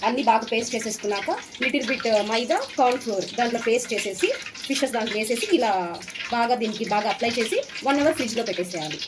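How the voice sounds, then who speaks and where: A woman's voice: on the high side, fast talker. A woman cooking on camera, chatting to her viewers as she explains each step. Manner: chatty, addresses viewers as friends. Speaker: cooking vlogger. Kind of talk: casual cooking demo. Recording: noisy home recording.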